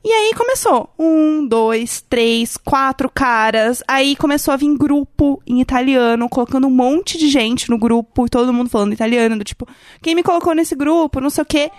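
A woman's voice: sits high, normal speed, few pauses, no room sound, studio quality. A Brazilian woman co-hosting a podcast, telling a story in a chatty, casual way, full of fillers and the odd swear word. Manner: chatty, lots of fillers, swears when annoyed. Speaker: podcast co-host.

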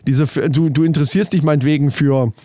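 A man's voice: fairly high pitch, steady tone, quick pace, dark tone, no echo. A man with a slightly raised voice talks in loose podcast chat. He rambles, breaks off and restarts sentences, and drops a casual swear word. The sound is close and dry.

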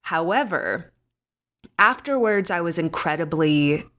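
A woman with a slightly low voice speaks openly in casual podcast talk, telling her own story with feeling. She is expressive and quick to laugh, and she is frank about her experiences. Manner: open, expressive, laughs often. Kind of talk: candid personal storytelling.

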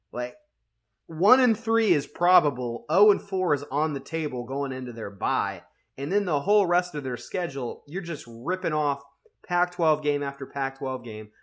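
A man co-hosting a casual sports betting podcast, rambling and animated, with plenty of likes and restarts. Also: medium pitch. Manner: rambling and animated, heavy on fillers. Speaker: podcast co-host and betting analyst.

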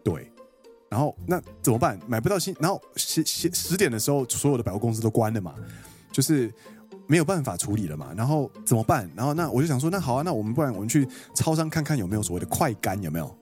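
A Taiwanese man in his thirties with a Taiwanese Mandarin accent, telling a story on a podcast. He talks quickly, his pitch swinging widely as he acts out the people in it. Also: soft background music. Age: 30s. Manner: animated, quotes people and acts out dialogue. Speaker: podcast co-host. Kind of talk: casual storytelling chat.

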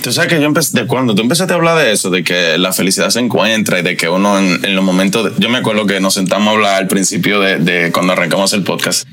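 A quick-talking Dominican man with a bright, forward voice, hosting a podcast from a video call. He speaks animatedly, tripping over restarts and fillers as he builds his questions. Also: sits low. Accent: Dominican Spanish. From Dominican Republic. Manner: fast, animated, lots of ajá and filler restarts. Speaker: podcast host.

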